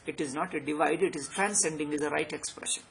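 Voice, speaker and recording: A man's voice: a little high, fast talker, vocal fry, a bit bright, a little hiss or hum. A man with a South Indian accent giving an extempore philosophy lecture as a spiritual teacher, speaking emphatically and repeating phrases to drive points home.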